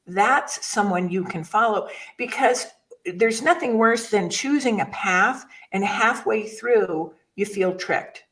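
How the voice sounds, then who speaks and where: A woman's voice: medium pitch, fairly bright tone, distant mic, poor audio. An older woman, a guest chaplain, chatting casually and telling rambling stories that she often breaks off and restarts. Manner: storytelling, rambling, self-interrupting. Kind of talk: casual conversation.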